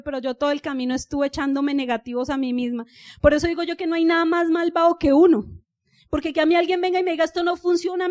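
A Colombian woman with a high, bright-pitched voice speaks to a seminar audience in an animated, storytelling way. She drives her points home by asking the crowd for agreement again and again, like a motivational speaker on stage.

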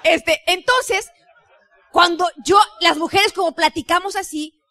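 A woman with a Mexican accent giving a motivational business talk as a team leader, chatty and lively, often imitating other people's voices. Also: very high-pitched, unhurried, no echo, clean studio sound. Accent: Mexican Spanish. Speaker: network marketing team leader.

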